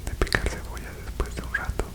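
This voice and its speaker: A woman reads narrative prose entirely in a whisper. Her delivery is hushed, breathy and unvoiced, kept slow and soothing in the manner of an ASMR bedtime reading. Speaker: ASMR reader.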